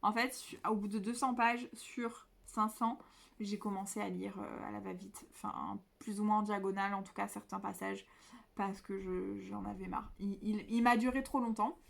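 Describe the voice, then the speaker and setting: A woman's voice: medium pitch, fairly even intonation, normal speed, creaky. A young woman chatting casually about books she read, hesitant with many fillers and restarts. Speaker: book vlogger. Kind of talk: casual book review. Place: indoors at home by a window.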